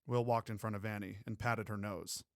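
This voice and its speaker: A man's voice: fairly low pitch, steady tone, brisk, dry recording. Man reading a romance story, dry close sound. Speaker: audiobook narrator. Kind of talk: scripted narration.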